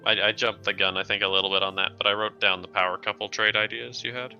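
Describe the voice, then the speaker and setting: A man's voice: fairly low pitch, flat delivery, fast, gravelly, sharp tone, muffled recording. A man chatting casually on a group livestream, repeating himself as he works out his thoughts. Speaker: tabletop player on a group livestream. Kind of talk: casual chat. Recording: background music behind voice. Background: music.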